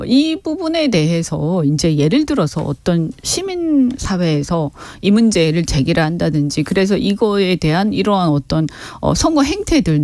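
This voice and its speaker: A woman's voice: lowish voice, darkish tone, no room sound. A woman guest on a radio talk show, giving frank, critical political commentary with emphasis. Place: radio studio. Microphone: studio mic.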